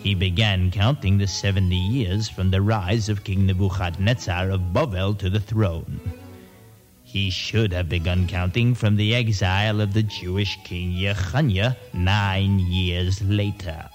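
An actor playing a scheming male royal advisor who flatters in a smooth, self-assured way. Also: low voice, unhurried, faint music behind. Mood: placating. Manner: oily, flattering, coolly confident.

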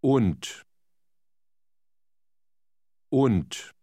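A man modeling phrases for learners with slow, deliberate enunciation. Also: mid-range voice, expressive, dark tone, dry recording, studio quality. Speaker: native-speaker model voice. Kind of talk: slow model pronunciation for repetition.

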